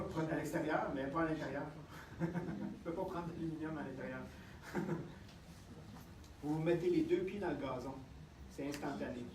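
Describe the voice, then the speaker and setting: A health speaker from Canada, high-voiced with a Quebec French accent, presents a lively live seminar in a lecture room, regularly engaging his audience. The distant-mic recording is echoey with faint ambience, and the background is noisy.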